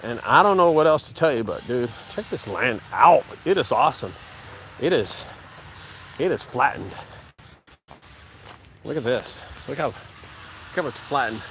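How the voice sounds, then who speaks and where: A man's voice: medium pitch, unhurried, pauses often, slight background noise. A man in his forties, a business owner, chatting casually while showing his land outdoors. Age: 40s. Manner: relaxed, chatty, says "dude". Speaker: junk removal business owner. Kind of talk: casual vlog walkthrough. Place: outdoors on an open rural property.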